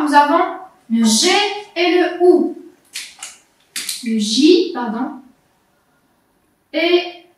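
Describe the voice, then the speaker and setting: Female primary teacher, high and unhurried, patient and careful, heard from across an echoey room. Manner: patient, deliberate, spells out letters and syllables one by one. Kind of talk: slow, carefully articulated lesson for young children. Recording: echoey classroom, distant mic.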